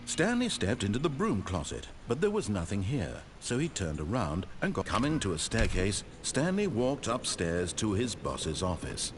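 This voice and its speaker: An actor playing a wry, all-knowing storyteller in a video game, narrating with pompous, dry sarcasm and exasperation. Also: male voice, on the low side, huge pitch swings, moderate pace, hardly any pauses, background noise. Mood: measured, storytelling.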